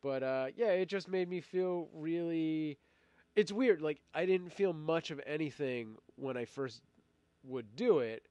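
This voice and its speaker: His fairly high, mellow voice is animated yet a little slow as this middle-aged man, nursing a cold, hosts a casual live stream. He reads viewer comments and rambles along with plenty of fillers, restarts, and laughter. No room sound comes through.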